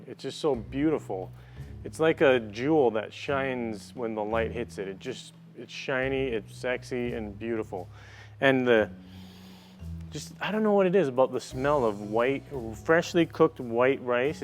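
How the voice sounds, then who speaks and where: Male cooking-show host, mid pitch, jokey and casual, faint music underneath. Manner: playful, joking, hypes viewers.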